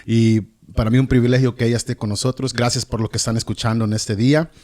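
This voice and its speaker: A man's voice: mid-range voice, flat delivery, fast, a little mellow. Male church interview host, encouraging, slips English words into his Spanish.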